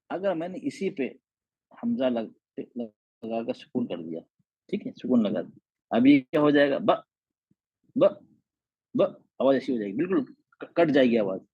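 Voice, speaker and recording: A man's voice: medium pitch, breathy edge, dry recording, dull audio. A man teaching Quran recitation rules, explaining throat anatomy and sounding out letters and vowels to demonstrate, often checking in with his listeners. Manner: checks in often with "okay?" and "theek hai?". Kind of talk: classroom explanation with drawn diagrams.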